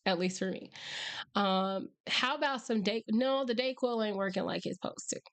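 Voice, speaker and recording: A woman livestream host chatting casually and rambling wryly, her voice hoarse, strained and breaking from being sick. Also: mid-range voice, normal speed. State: hoarse, voice nearly lost from illness. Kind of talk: casual livestream chat with viewers.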